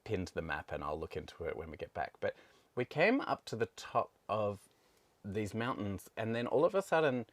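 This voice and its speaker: A young man with a very low, deep voice co-hosts a podcast. He tells stories in an easygoing, descriptive way. The recording is close and dry. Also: moderate pace, dry recording. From Australia. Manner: relaxed, descriptive storytelling. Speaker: podcast co-host. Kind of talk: casual chat.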